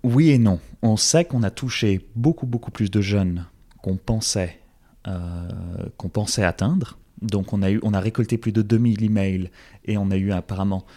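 A young Frenchman with a French accent, once a campaign organizer, appears as a guest in a casual interview, talking with lots of fillers and restarts. His voice is on the low side, warm, and moderately paced.

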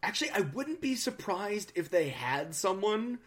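A man with a slightly raised pitch banters on a relaxed podcast. He jokes constantly, swears casually and throws in quick asides. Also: over a noisy crowd. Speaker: podcast co-host.

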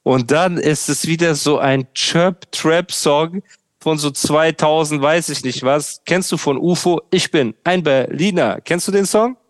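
A man's voice: on the high side, a little slow, dry recording. Dry-sounding sarcastic young man ranting. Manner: sarcastic ranting, street slang. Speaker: podcast host. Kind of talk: casual podcast chat.

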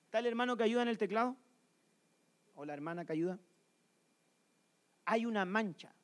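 A man's voice: sits high, lively intonation, moderate pace. A man preaching a sermon to a congregation in a church, telling stories and firing rhetorical questions at the listeners.

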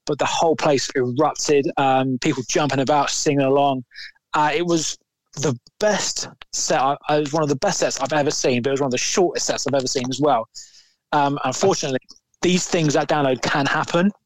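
A man's voice: a little high, fairly quick, slight background noise. A man, co-hosting a podcast and telling a long, rambling story in casual chat, swearing now and then. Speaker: podcast co-host.

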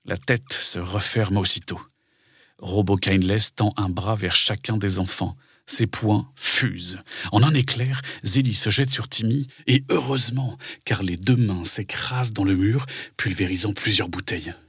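A man with a lowish, very breathy and husky voice narrates a children's story. The delivery is scripted and dramatic, recorded close and dry. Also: measured pace, a bit bright, no room sound.

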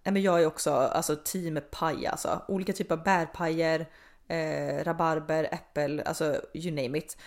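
A woman's voice: low voice, fairly even intonation. A woman hosting a casual chat, talking in a chatty way with many fillers and restarts and frequent laughs. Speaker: podcast host asking questions.

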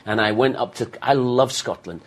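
A man's voice: mid-range voice, normal speed. An older man, chatting as a guest and telling joking stories. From England. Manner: joking anecdotal storyteller. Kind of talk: casual chat.

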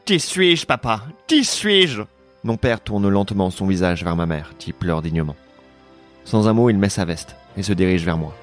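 Deep-voiced man narrating a drama. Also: moderate pace, warm tone, soft background music. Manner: dramatic, earnest storytelling. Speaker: narrator and lead actor. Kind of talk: scripted first-person audio drama narration.

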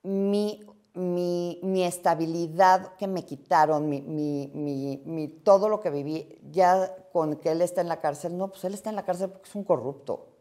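A woman telling a story in an interview, lively and acting out the dialogue. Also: on the low side, measured pace. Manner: lively, acts out quoted dialogue.

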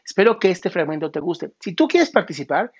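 Gravelly Mexican male host, lo-fi. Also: high-pitched, very animated, fairly quick. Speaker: show host. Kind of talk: show introduction. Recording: dull, lo-fi sound.

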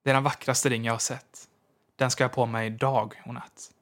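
A wife in a spooky storybook, pitched a little higher, as a man reads her lines. Her lines sound anxious. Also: level tone, a bit bright, natural voice. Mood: pleased. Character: frightened wife woken at midnight.

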